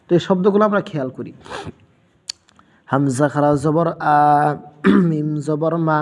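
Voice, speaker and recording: A man's voice: fairly high pitch, a little slow, a little mellow, big-room sound. A man teaching a Quran reading lesson, patiently spelling out letter sounds one by one and repeating them.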